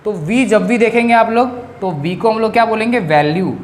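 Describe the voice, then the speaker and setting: A male economics teacher giving a classroom-style lecture, drilling his students with quick questions. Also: sits high, a little hiss or hum. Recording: echoey room.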